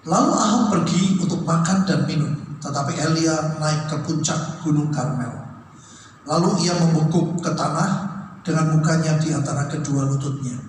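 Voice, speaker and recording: A man preaching a sermon in a large church hall, animated, acting out the voices of people in his story. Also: fairly high pitch, moderate pace, a little hiss or hum. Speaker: pastor. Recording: echoey hall from far off.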